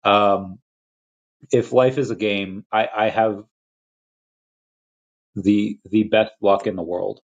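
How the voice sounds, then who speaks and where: A young man from Peru talks loosely on a livestream, stumbling over words and circling back to his point. His voice sits a little low. The audio is dull and lo-fi. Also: steady tone, slow, creaky, long pauses. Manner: rambling, restarts often, laughs between thoughts. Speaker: crypto livestream host. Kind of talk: casual livestream chat.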